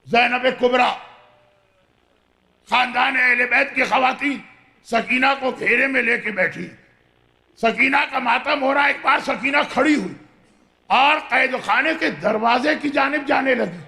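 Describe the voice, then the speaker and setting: A man preaching a mourning sermon with a very high, piercing voice edged with gravel. His delivery is impassioned and declamatory, often swelling into shouts as he tells the story to a gathering. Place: Islamic center gathering hall.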